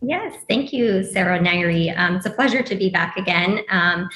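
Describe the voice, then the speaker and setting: A woman attorney guest speaking hesitantly, with many pauses, in a podcast interview. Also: fairly low pitch, expressive, fairly bright tone. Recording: echoey room with faint noise.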